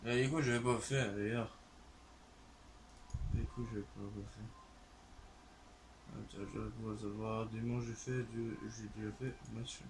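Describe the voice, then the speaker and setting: A man's voice: fairly low pitch, level tone, measured pace, long pauses, slight background noise. A man with a Québécois French accent, thinking aloud hesitantly with lots of fillers while commenting on a game he is playing. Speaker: gaming channel host. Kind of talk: let's play commentary.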